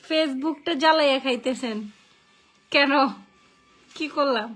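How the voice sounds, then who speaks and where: A woman's voice: high voice, a little slow, a bit bright. A young woman with a Noakhali Bengali accent, hosting a casual live stream and chatting through viewers' comments, thanking people by name. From Noakhali, Bangladesh.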